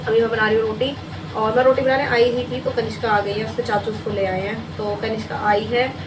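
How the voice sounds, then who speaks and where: A woman in her thirties chatting casually on a home vlog as a mother, sometimes talking softly and slowly so a sleeping baby stays asleep. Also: a little high, flat delivery, background noise. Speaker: vlogger, mother. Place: home, indoors and yard.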